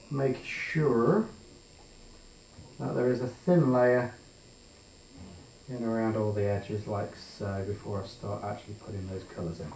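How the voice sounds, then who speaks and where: A man working through a resin pour, chatting casually with frequent ums and thinking aloud, in a plain even voice he calls monotone. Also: mid-range voice, slight background noise. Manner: chatty, hesitant with frequent ums, changes his mind aloud. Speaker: resin artist demonstrating a pour. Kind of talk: casual tutorial talk while working. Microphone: built-in camera mic, his usual mic out of action. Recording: echoey room, voice picked up from a distance.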